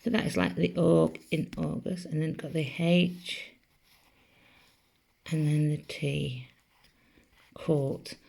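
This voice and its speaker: A woman's voice: deep voice, steady tone, slow pace, vocal fry, pauses often, warm tone. A woman teaching a spelling lesson to children, patiently sounding out each letter. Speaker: primary school teacher.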